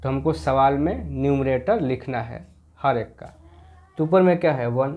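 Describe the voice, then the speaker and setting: A man teaching a children's maths class, explaining slowly and repeating each point patiently, and reading the English text aloud very slowly. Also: mid-range voice, mellow. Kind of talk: explaining a school maths lesson.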